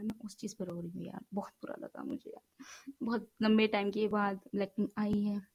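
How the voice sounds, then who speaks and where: A young woman hosting a podcast, chatting in a rambling, teasing way to her viewers, her voice tired and strained from talking. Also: mid-range voice. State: voice tiring, strained. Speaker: podcast host. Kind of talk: casual chat to viewers. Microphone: studio mic.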